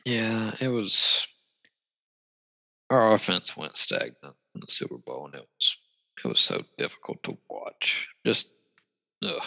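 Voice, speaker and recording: Gravelly, bright-voiced man in an echoey room. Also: fairly low pitch, huge pitch swings, a little slow, long pauses. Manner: emphatic, swears, vivid exaggeration. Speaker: podcast co-host. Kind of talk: casual sports chat. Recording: roomy echo.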